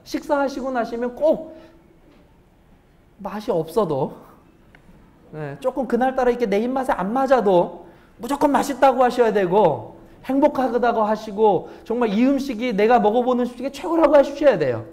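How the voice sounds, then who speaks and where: A man with a notably high voice delivers a sermon as pastor in a church. He talks straight to the congregation, keeps asking it rhetorical questions and moves from loud, emphatic points to quiet asides. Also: moderate pace. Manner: lively, shifts between loud emphasis and hushed asides. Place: church sanctuary.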